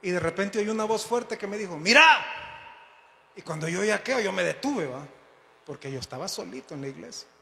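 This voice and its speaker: Preacher man, slightly high voice, reverberant hall. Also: expressive, fast talker, gravelly. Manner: dramatic storytelling, voice swelling and dropping to build suspense. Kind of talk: storytelling sermon. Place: church sanctuary. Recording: long church hall reverb.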